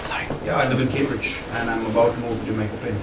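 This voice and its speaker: Guy from mumbai, fast and stumbly, far off, echoey room. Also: medium pitch, little pitch movement. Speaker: researcher. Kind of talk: casual self-introduction. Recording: roomy, distant mic, background noise.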